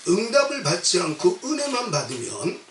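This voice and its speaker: A man preaching a sermon with a fairly high voice. He presses each point with short, repeated urgings that draw replies from the listeners. The sound is roomy and distant, as if the mic sits well away from him in a large sanctuary. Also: huge pitch swings, normal speed, a loud crowd. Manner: emphatic, repetitive exhortation with call-and-response. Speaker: pastor. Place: church sanctuary at a retreat. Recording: echoey hall, mic at a distance. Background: congregation answering amen.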